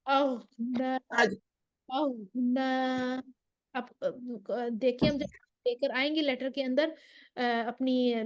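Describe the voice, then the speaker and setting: A woman with a high voice gives a recitation lesson. She explains each rule patiently and stretches the example syllables out slowly, often pausing to ask whether the listener is following. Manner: checks with the listener, asking "ok?". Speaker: Quran recitation teacher. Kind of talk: tajweed lesson.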